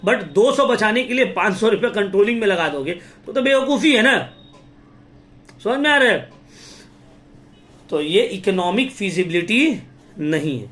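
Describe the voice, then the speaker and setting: A young Indian man teaches an exam-prep class in a high, bright-edged voice. He speaks straight to his students. He mixes in English terms and acts out little classroom scenes. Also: moderate pace, pauses often, soft background music. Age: young adult. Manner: lively, talks straight to students with Hinglish terms and acted examples.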